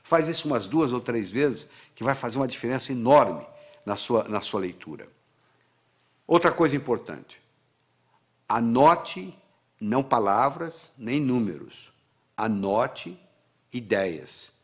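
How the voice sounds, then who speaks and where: A man explains study techniques, counting out the steps and driving key phrases home through repetition. His voice sits at a middle pitch. The recording is slightly muffled and lo-fi. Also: big pitch swings, a little slow, pauses often, breathy edge. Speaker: guest teaching study techniques. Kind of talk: instructional talk.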